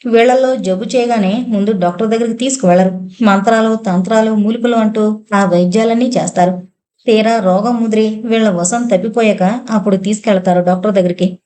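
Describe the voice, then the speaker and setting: A woman voicing a calm, kindly country lawyer who tells a story in an unhurried way. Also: medium pitch, natural voice.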